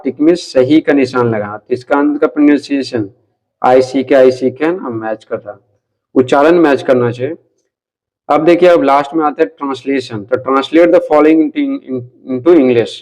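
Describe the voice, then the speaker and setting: A man teaching an English lesson, middle-pitched and steady. He reads each English sentence slowly and deliberately, then explains it in a chatty way, dotted with "ठीक है" and "है ना". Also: poor audio.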